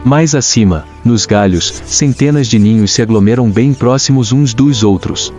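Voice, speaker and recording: A man with a Brazilian accent reads scripted nature documentary narration in a measured, dramatic storytelling way. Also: mid-range voice, a little mellow. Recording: dull lo-fi sound with music. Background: clear background music.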